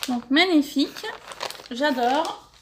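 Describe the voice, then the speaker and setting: A middle-aged woman from France with a high-pitched voice chats casually as she opens mail from viewers. She thanks each sender and often stumbles and restarts her sentences. She sounds like a hobby vlogger talking to her subscribers. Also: takes it slowly, a little hiss or hum. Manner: chatty, thankful, stumbles over words. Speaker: scrapbooking channel host. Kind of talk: casual mail-opening vlog.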